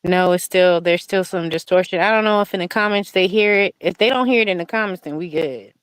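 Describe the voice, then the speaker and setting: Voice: medium pitch, a little fast, a bit bright, smooth, no room sound, rough recording. A co-host in casual chat on a livestream, plainspoken and teasing.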